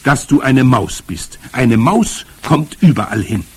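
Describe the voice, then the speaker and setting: Man doing feisty old granny, bossy and emphatic, husky and swoopy. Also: medium pitch, sing-song, a little mellow, voice pushed up, exaggerated voice. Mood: determined. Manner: brisk, emphatic, commanding. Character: spirited, determined old grandmother. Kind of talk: audiobook character voice.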